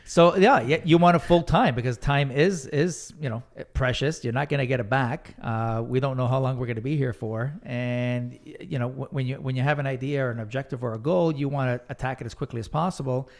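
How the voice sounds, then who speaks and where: A man co-hosting a casual podcast over a computer mic, heard with a slightly echoey room sound, talking in a halting way with repeated words and restarts. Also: medium pitch. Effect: slightly echoey room sound on his mic. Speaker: podcast co-host. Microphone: computer microphone on a remote call.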